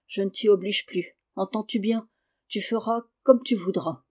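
A gruff, blustering farmer father from a classic storybook, read by a woman. He speaks in a plain, mid-pitched voice. The reading stays close to the reader's own tone. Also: normal speed, dark tone, lightly acted.

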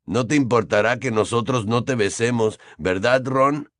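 A man's voice: mid-range voice, moderate pace, fairly bright tone, no echo, close to an everyday voice. A man voicing a mocking teenage prankster boy with a sly, teasing manner.

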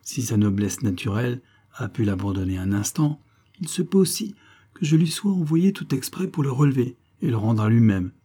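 A man's voice: medium pitch, animated, moderate pace, mellow, husky. A man reading an audiobook, voicing a proud, cold young noblewoman who speaks icily and haughtily. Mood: haughty. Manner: icy, haughty.

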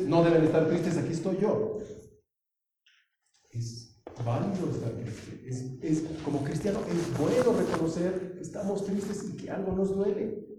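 A man preaching a sermon as a pastor, animated, with sudden loud emphasis. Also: a little high, distant mic. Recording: very echoey hall, heard from afar with clear noise.

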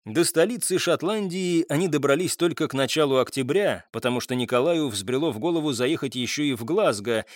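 Brief: male narrator, mid pitch, wry conversational asides, dry close-miked studio sound. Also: no echo. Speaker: audiobook narrator. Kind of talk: scripted narration of a historical novel.

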